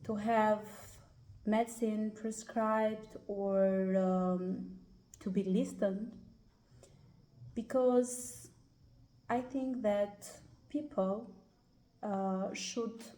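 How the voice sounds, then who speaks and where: Slow, hesitant Albanian-accented woman. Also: medium pitch, steady tone, mellow. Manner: hesitant, many pauses and "uh" fillers. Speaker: guest. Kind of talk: personal life story in an interview. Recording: roomy echo.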